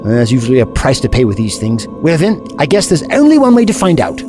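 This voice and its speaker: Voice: medium pitch, big pitch swings, brisk, music in the background, close to an everyday voice. A performer in an audio drama playing the Doctor, an eccentric, kindly time traveller who explains things in a wordy, scholarly way. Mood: determined.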